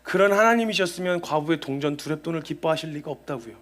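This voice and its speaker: A man preaching a sermon as a missionary, moving between hushed, intimate passages and loud, rising exhortation, and acting out quoted voices. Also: fairly high pitch, fast. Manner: acts out quoted voices of God and the believer.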